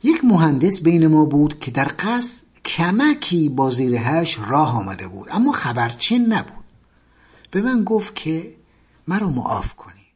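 A man narrating a memoir in measured storytelling, often dropping to soft tones. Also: fairly high pitch, very animated, breathy edge.

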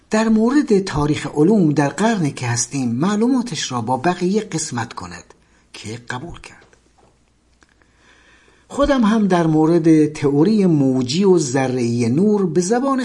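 A man narrating a memoir in measured storytelling, often dropping to soft tones. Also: a little high, slightly rough.

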